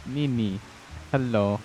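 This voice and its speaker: A man's voice: medium pitch, warm tone, rough recording. A man chatting casually and playfully with viewers as he hosts a gaming livestream. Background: music.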